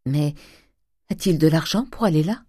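A woman reads an innocent, earnest young girl who asks wide-eyed, pleading questions. Her voice sits higher than the narration, with a soft and mellow tone in a dry, close sound. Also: moderate pace, breathy edge, no room sound. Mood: naive. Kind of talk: audiobook character reading.

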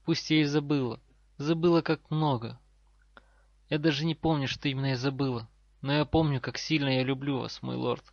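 A man's voice: medium pitch, steady tone, normal speed, creaky, dry recording, natural voice. A man voicing a broken, desperate woman prisoner, devoted to her lord, her voice trembling with sobs. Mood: pleading, tearful. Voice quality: trembling, sobbing. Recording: dry, slightly dull recording.

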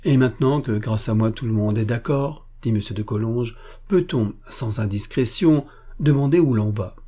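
A man voicing a very young, impulsive gentleman who speaks eagerly and impetuously. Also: medium pitch, normal speed, husky, close to an everyday voice. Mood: cheeky.

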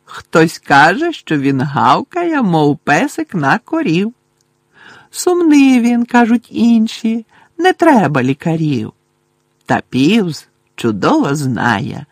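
A man voicing a mischievous male poltergeist who taunts in a mocking, drawn-out sing-song. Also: high voice, no echo, clean studio sound, pitched above the performer's own voice, heavily acted.

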